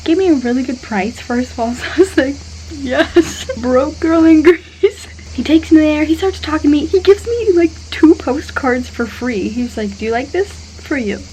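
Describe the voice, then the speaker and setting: Animated high-voiced young woman vlogger. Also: moderate pace, slight background noise, low-quality recording. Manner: animated, laughing, acts out quoted voices. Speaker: travel vlogger. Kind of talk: casual storytelling to camera.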